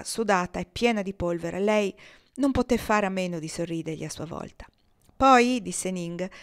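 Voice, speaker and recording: A woman reading a historical novel aloud in a measured, expressive narration. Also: medium pitch. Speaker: audiobook reader. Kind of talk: audiobook narration.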